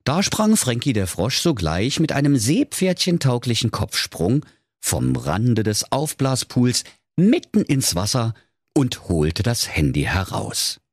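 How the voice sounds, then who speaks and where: A man tells a comic fairy tale in a mock-solemn tone with old-fashioned storybook phrasing. His pitch moves broadly, and the recording is dry and close. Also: big pitch swings, slow, slightly rough, no echo.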